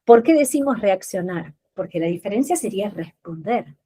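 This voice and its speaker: A woman's voice: mid-range voice, animated, normal speed, mellow, husky. A woman therapist speaking as an interview guest, explaining with rhetorical questions and little acted-out scenes.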